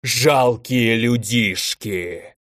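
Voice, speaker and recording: A man voicing a huge, furious male fire elemental who roars slowly and heavily in a storybook reading. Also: medium pitch, a bit bright, no room sound, studio quality. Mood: roaring. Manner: slow roaring bellow.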